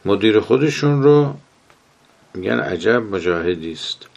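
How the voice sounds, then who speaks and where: A man giving a religious lecture on management, quoting Arabic sayings and swinging between emphatic rises and soft drops. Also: lowish voice, expressive, gravelly.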